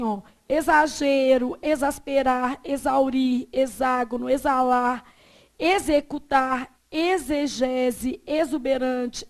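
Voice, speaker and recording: A Brazilian woman teaching a Portuguese class, quizzing her students and drawing words out slowly to show how they are said. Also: high-pitched. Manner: lively, asks the class questions and answers them herself; stretches words out slowly to model pronunciation. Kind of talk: classroom lecture.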